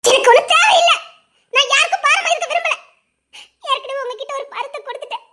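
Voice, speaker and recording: A woman's voice: extremely high pitch, fast, sharp tone. A woman with a Tirunelveli Tamil accent playing a hurt, proud young wife who is tearful and defiant and keeps pushing her husband away.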